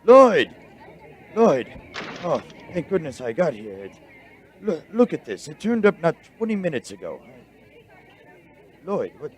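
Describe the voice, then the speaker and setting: With some chatter in the background, an actor in a radio drama voices a bookish, excitable male scholar on the high side of his range. The husky voice and halting explanations carry an alarmed mood.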